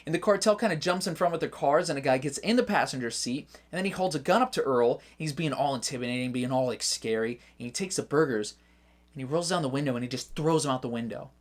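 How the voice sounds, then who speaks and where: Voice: medium pitch, quick pace. A movie reviewer talking in a casual, rambling way, full of filler words and jokey asides.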